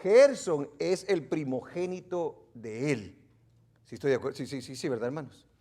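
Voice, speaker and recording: Male preacher, high and very expressive, teasing questions to the congregation, sermon in a church. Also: moderate pace. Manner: quizzes the congregation, joking and exclaiming. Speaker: pastor. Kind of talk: interactive Bible teaching sermon.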